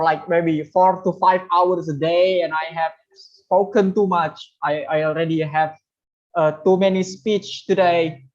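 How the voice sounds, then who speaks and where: An English teacher, giving a casual, chatty online teaching demo with many fillers. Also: mid-range voice. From Indonesia. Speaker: webinar presenter, English teacher. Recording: dull lo-fi webinar audio.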